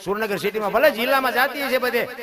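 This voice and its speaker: A middle-aged man giving an earthy devotional folk discourse full of parables, moving between loud calls and quiet asides. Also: extremely high pitch, racing, a crowd in the background. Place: live devotional stage program. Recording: live recording with instrumental music behind.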